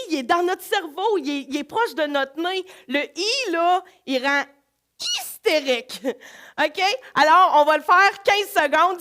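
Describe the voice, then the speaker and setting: A woman with a Québécois accent, leading a live laughter workshop in an energetic, coaxing way. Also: extremely high pitch. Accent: Québécois French. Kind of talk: live workshop talk to an audience.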